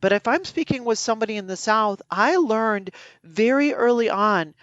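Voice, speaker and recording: A woman's voice: fairly high pitch, lively intonation, normal speed, no echo, muffled recording. A woman co-hosting a podcast who talks in an earnest, reflective way, stretching her vowels with a sing-song lilt. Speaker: podcast co-host. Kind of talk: casual conversation.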